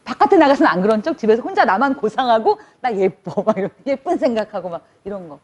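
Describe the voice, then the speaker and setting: Animated woman lecturing, husky voice. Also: fairly high pitch, quick pace. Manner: lively, conversational, acts out quotes. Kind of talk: public lecture. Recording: dull lo-fi recording.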